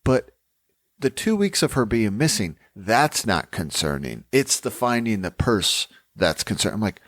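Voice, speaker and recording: A man's voice: fairly low pitch, big pitch swings, unhurried, a bit bright, no room sound, studio quality. A man co-hosting a casual true-crime discussion, talking in an incredulous, emphatic manner. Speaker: podcast co-host.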